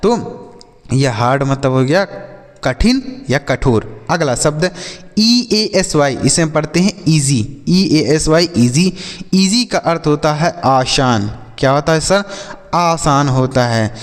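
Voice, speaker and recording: A man with an Indian accent teaching English words, spelling each one out letter by letter and repeating example sentences slowly. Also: fairly high pitch, animated, big-room sound. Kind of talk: slow spoken-English lesson.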